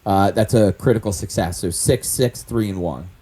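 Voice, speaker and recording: A man's voice: on the low side, moderate pace, dark tone, breathy edge. A man taking part as a player in a tabletop game, thinking aloud and restarting his sentences. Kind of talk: casual tabletop play.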